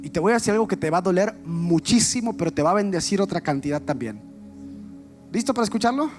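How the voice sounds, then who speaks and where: A man's voice: high voice, expressive, fast talker, a little mellow. A man preaching a sermon in a passionate, direct way, speaking straight to the listener. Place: church. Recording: with background music. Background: music.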